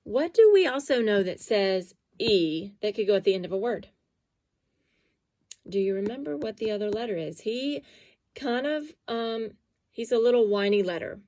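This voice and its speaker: A woman teaches phonics to young children. She talks patiently and sounds out each letter and syllable slowly. Her voice sits at an ordinary pitch and is recorded close and dry, with no room echo. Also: dark tone.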